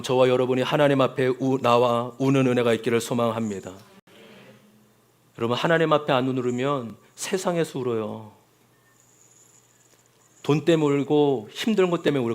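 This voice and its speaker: A man's voice: mid-range voice, a little fast. A man preaching a Sunday sermon as pastor, often calling out to the congregation and acting out quoted voices.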